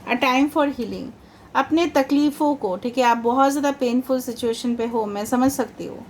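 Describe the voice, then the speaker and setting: A woman's voice: a little high, fairly even intonation, moderate pace, darkish tone, slight background noise. A woman giving a tarot reading, chatty and reassuring, often mixing English into her talk. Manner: chatty, reassuring, mixes English into Hindi, repeats "theek hai". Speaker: tarot reader.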